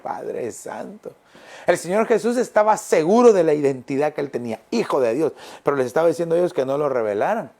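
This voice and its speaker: A middle-aged male pastor preaching a sermon, emphatic, repeating phrases and slowing down on key words. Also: fairly high pitch, lively intonation, mellow.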